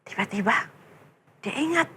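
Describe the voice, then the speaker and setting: A young woman teaching children in a lively storytelling sermon, speaking to them directly. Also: fairly high pitch, normal speed, a little hiss or hum. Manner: animated, addressing children directly.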